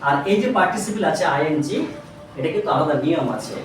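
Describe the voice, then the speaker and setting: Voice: mid-range voice, expressive, fast talker, soft background music. A patient tuition teacher leads a grammar lesson, spelling words out letter by letter and firing questions at the pupils. The voice rises and falls a great deal. It is recorded from across a small, very echoey classroom. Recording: echoey room, mic far off.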